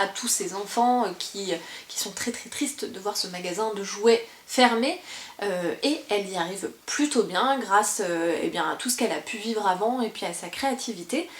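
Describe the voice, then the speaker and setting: Young female book vlogger, chatty and casual, recorded in a roomy, echoey living room. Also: mid-range voice. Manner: chatty, many fillers and restarts. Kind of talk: casual book presentation to camera. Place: parents' living room by her bookshelves.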